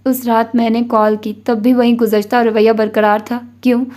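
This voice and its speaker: A woman's voice: fairly high pitch, little pitch movement, darkish tone, natural voice. A woman voicing a wounded young husband who speaks coldly and reproachfully in a novel reading. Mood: cold reproach. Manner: cold, reproachful.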